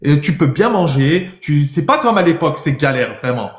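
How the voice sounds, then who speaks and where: A man's voice: a little high, big pitch swings, fairly quick, echoey room. A middle-aged French man hosting a live stream, pressing his guest with emphatic, insistent questions. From France. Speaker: TikTok live host. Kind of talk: heated live-stream debate.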